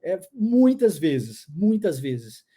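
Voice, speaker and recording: A woman with a Minas Gerais accent leads a casual English lesson in a mellow, warm tone. Her pitch rises and falls widely as she chats playfully and stretches out words slowly for drilling. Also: very animated, breathy edge. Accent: Brazilian Portuguese, mineiro (Minas Gerais). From Minas Gerais, Brazil. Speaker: English teacher.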